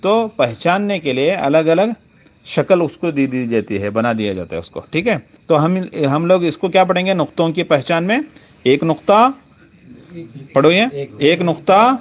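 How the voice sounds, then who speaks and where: A man teaching the sounds of letters in a reading lesson, saying each one slowly and contrasting thin and heavy sounds. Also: a little high.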